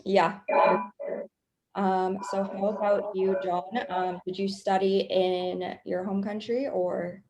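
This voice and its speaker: A woman's voice: medium pitch, level tone, muffled recording, a crowd in the background. A young woman from Canada, a student co-host asking questions casually with lots of ums. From Calgary, Canada. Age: young adult. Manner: friendly, filler-heavy, quick asides. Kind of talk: casual interview hosting.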